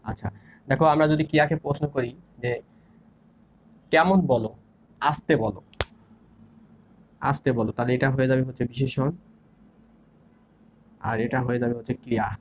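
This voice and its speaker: A man's voice: medium pitch, steady tone, normal speed, long pauses, a little hiss or hum. A young man teaching an online grammar lesson, repeating key terms and asking and answering his own questions. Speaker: grammar instructor.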